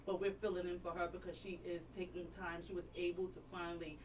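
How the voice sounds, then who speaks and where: A woman's voice: on the low side, little pitch movement, quick pace. A woman co-hosting a live radio talk show, chatty and given to storytelling. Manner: chatty storyteller, laughs often. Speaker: radio co-host. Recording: distant mic with clear background noise.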